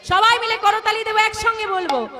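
A woman kirtan singer leading a devotional call-and-response, playfully teasing and coaxing her audience to chant louder. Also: extremely high pitch, fairly quick. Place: live devotional gathering. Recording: live stage with music and crowd.

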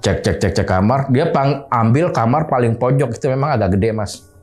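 A man's voice: medium pitch, moderate pace. A man, casually recounting a horror story from his boarding house and acting out what people said. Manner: animated retelling, acting out quoted dialogue.

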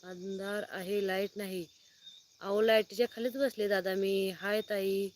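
A woman's voice: mid-range voice, steady tone, unhurried, slight background noise. A woman farmer from Sangli district, chatting on a phone live stream outdoors at night, reading out viewers' names and greeting each one. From Sangli district, Maharashtra. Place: outdoors at night, sitting under a light.

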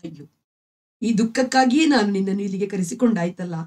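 Sorrowful young wife, devout and gentle, pleading, read by a woman storyteller. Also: medium pitch, quick pace, natural voice. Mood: weary, tearful.

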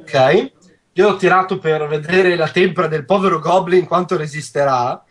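A young man with a husky voice, refereeing and narrating a tabletop game as game master over a video call. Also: a little high, normal speed. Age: young adult. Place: at home on a group video call.

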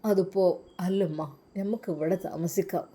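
A woman's voice: lowish voice, fairly even intonation, normal speed, dark tone, lightly acted. A woman voicing a devoted young male religious teacher, an earnest, pleading son.

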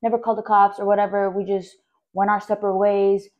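Young woman, podcast host, middle pitch; tells a story in a loose, chatty ramble and talks straight to her listeners. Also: level tone, fast, dull audio. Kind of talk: casual personal storytelling.

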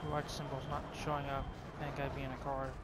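A man's voice: mid-range voice, monotone, fast talker. A young man with a speech impediment that turns r into w, giving casual, self-deprecating gameplay commentary. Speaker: gaming video creator. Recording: clear game noise, vehicle sounds behind voice.

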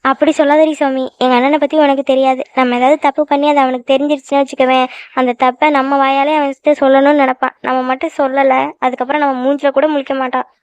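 A woman's voice: sits high, level tone, fast, no echo, lo-fi sound. A woman voicing young women in a Tamil-language cartoon, in worried, confiding chatter.

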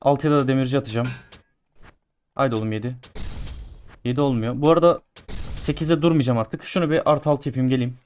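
A man giving casual commentary on his own gameplay, chatting to his viewers and swinging between grumbling and loud cheering. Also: mid-range voice, steady tone, a little fast, long pauses, clear, resonant tone. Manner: chatty, talks to viewers as he plays. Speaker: gaming streamer.

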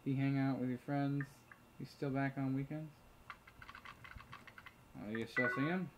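A man's voice: mid-range voice, steady tone, measured pace, slight background noise, low-quality recording. A man casually commentating a chat game, reading messages aloud, muttering asides and swearing freely. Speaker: let's play host. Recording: loud keyboard typing behind. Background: keyboard clicks and typing.

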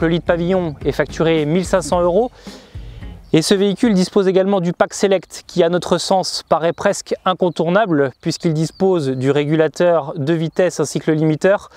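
His voice on the high side and a little mellow, a man in his thirties precisely presents a scripted motorhome review on a lapel mic. The setting shifts from inside the motorhome to outdoors by the roadside.

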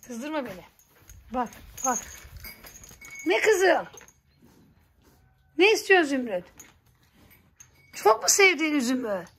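A woman vlogging in a village, coaxing and scolding her farm animals and talking softly to viewers. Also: high voice, big pitch swings, slow, long pauses. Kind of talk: casual vlog talk to animals and viewers. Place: village garden and barn, outdoors. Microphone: phone camera.

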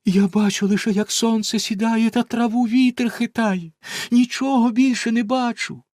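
A man's voice: very high voice, fairly even intonation, moderate pace, a little mellow, no room sound, clean studio sound, pitched above the performer's own voice. A man voicing a young sister watching from a tower in a storybook reading, with a raised, eager calling voice. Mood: calm.

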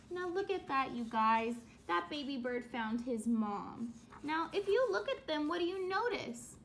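Her voice is high, with a little hiss or hum in the background. She's a young adult elementary school teacher indoors in a small room at home, reading aloud to young children, putting questions to them, and stretching and stressing the important words.

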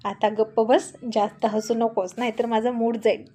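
A teasing, affectionate husband who jokes and coaxes his wife. A woman reads him in her own voice, pitched rather high with no deepening, so he sounds close to the narrator. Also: little pitch movement, moderate pace, warm tone, natural voice. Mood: playful. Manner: playful teasing.

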